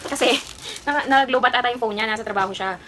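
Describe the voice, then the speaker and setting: A woman's voice: fairly high pitch, quick pace, noisy background. A young woman in her twenties with a Kapampangan accent, chatting casually in a haul vlog as she tells a personal story, rambling along with lots of fillers. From Philippines. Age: 20s. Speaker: vlogger.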